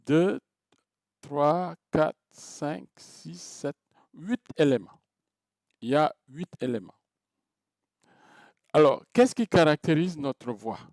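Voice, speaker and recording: A man teaching a recorded class, taking his time and pausing often with filler sounds as he works through each point. His voice is plain and close, with a dry, deadened sound and no room echo. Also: medium pitch, darkish tone. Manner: hesitant, many filler sounds and restarts; explains step by step, counts items aloud. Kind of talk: recorded lecture to students.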